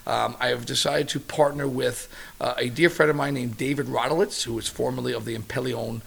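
A middle-aged man, a chef, chatting casually in an interview as an animated, slightly profane storyteller. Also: mid-range voice, brisk, vocal fry, husky.

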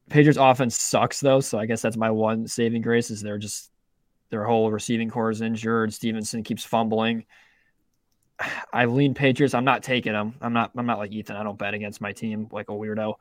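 With a fairly low, flat voice at a moderate pace, a young man co-hosts a casual sports betting podcast. He talks in rambling bursts, breaking off and restarting a lot, now and then swearing. The studio-quality recording has no echo.

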